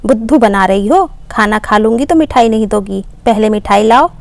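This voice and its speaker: A woman's voice: mid-range voice, animated, moderate pace, creaky, no room sound. A woman voicing an elderly mother who sulks and pleads like a small child. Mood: childish, sulky.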